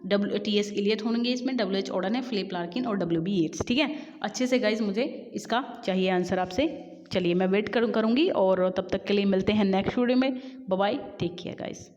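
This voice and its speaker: A woman teaching English literature for exam prep, chatting with viewers and reading questions out slowly. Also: mid-range voice, darkish tone. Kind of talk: exam-prep lesson in Hindi-English mix. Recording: dull lo-fi sound with long reverb.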